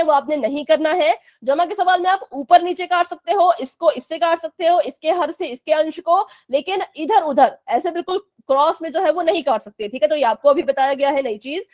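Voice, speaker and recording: A woman teaching fractions in a live online class for children, explaining patiently, repeating checks, and giving firm warnings about chat behavior. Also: sits high.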